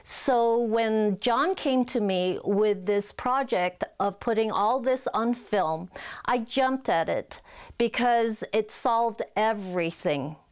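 Calm, measured older woman from Hong Kong. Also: fairly high pitch, clear, resonant tone. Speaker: artist. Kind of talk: documentary interview. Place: living room, indoors. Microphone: lapel.

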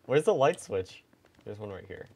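A man's voice: lowish voice, very animated, normal speed, dark tone, breathy edge. A young man in loose, playful, sweary chat with friends during a video game. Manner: profane, playful. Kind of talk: casual gaming chat with friends. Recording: faint music behind the voice.

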